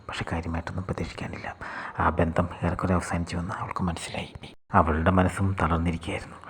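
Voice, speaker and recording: A man narrating a scripted short story in a soft, half-whispered delivery. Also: low voice, slight background noise.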